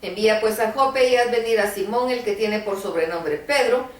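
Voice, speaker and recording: A woman's voice: mid-range voice, normal speed, distant mic, close to an everyday voice. A woman reading the account of a pious, reverent Roman centurion in a plain voice. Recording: roomy, voice a bit off-mic.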